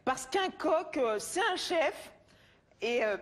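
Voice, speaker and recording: A woman's voice: high voice, animated, slow. An actress playing a giggly woman who laughs at nothing, speaking hesitantly. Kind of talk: sketch comedy acting.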